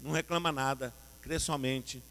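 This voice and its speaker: A Brazilian man preaching puts on the voice of Jesus, brisk and commanding, with a Brazilian Portuguese accent. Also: mid-range voice, steady tone, fairly bright tone, long reverb tail, close to an everyday voice. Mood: firm. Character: Jesus, calm firm grown man.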